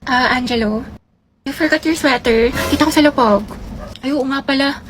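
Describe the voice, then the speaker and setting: A woman's voice: high-pitched, normal speed, slight background noise, rough recording. A woman acting in a comedy skit, talking in a flirty, coy way. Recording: music bed behind voice.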